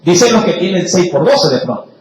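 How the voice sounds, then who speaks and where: Emphatic preacher with a lively high voice. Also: male voice, fairly quick. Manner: emphatic, swinging between loud emphasis and low asides. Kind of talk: sermon. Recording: very echoey room, faint noise.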